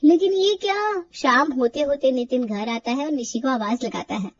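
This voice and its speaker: High-voiced woman narrating a storybook cartoon. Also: moderate pace, no room sound, recorded from a distance, highs cut off.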